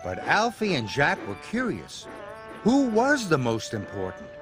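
A man reading a children's story as narrator, in a lively, expressive storytelling manner. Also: on the high side, measured pace. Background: music.

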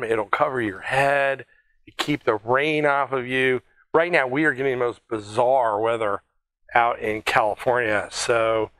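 A man's voice: mid-range voice, a bit bright, rough recording. A man hosting an air museum video in a chatty, joking, rambling way, with restarts. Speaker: museum host. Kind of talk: casual one-take video talk.

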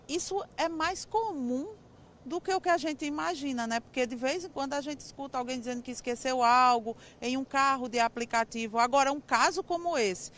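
A woman in her forties reports live from an outdoor lot. Her voice sits high, and she talks in an animated, conversational way into a handheld mic. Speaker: field reporter. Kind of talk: live field reporting and interviewing.

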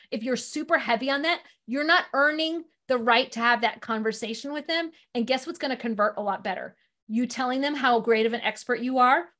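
A middle-aged woman teaching a live online marketing class, chatty and quick to laugh at herself. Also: high-pitched, fairly bright tone.

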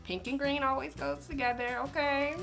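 A young woman hosting an art vlog, chatting casually and gushing excitedly with lots of exclamations. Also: sits high, normal speed, gravelly, over music. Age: young adult. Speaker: art channel host.

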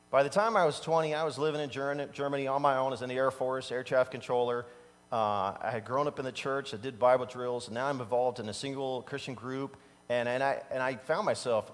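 A mid-range male voice belongs to a pastor in his fifties delivering a casual, conversational sermon, animatedly sharing personal stories and laughing at them himself. He stands at a pulpit mic on a large church sanctuary stage, recorded by a far camera with long reverb from the hall.

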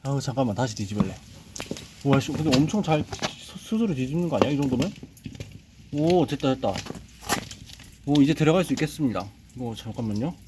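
A man's voice: medium pitch, lively intonation, a little fast, long pauses. A man vlogging outdoors, nervously muttering to himself and coaxing an animal along. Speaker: nature vlogger. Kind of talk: casual self-talk while handling an animal. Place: outdoors by a reservoir on a rainy day. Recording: outdoor recording with clear background noise.

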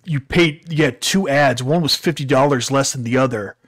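A man's voice: mid-range voice, normal speed, no echo, lightly acted. A man putting on the voice of his grandiose, defensive roommate of nearly fifty, who answers in an indignant, accusing way.

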